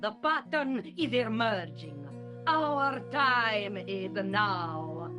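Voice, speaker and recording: An actress playing a cool, measured French conspirator in a video game. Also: female voice, medium pitch, expressive, music in the background.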